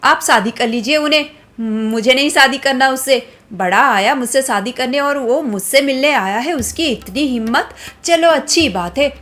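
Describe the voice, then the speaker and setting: A woman's voice: high voice, fairly bright tone, slight background noise. A woman voicing a rebellious young bride-to-be who speaks indignantly and outspokenly.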